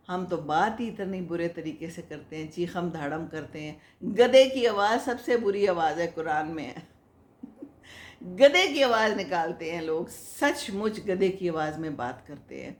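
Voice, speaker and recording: Chatty older woman in an echoey room. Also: on the low side. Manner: chatty, motherly, moralizing, laughs often. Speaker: host answering viewer comments. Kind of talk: casual advice talk.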